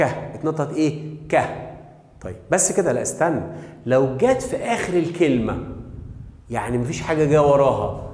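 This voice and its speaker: A man with an Egyptian Arabic accent teaching English phonics to children, firing off quick questions and drawing example words out slowly. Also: a little high, a little mellow. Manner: drills sounds with call-and-response questions, stretching example words slowly. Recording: echoey, reverberant room.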